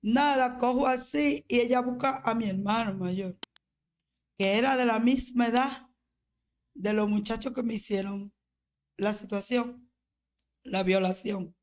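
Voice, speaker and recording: A woman pastor giving an earnest personal testimony in a podcast interview, speaking in an unhurried storytelling way with long pauses. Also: fairly high pitch.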